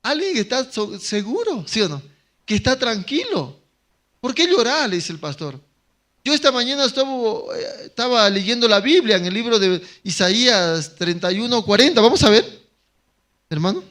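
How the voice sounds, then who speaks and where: A male pastor with a Bolivian Spanish accent preaching a sermon, talking with the congregation through constant questions, dropping to soft asides and then rising to loud emphatic lines. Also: high voice, sing-song, normal speed.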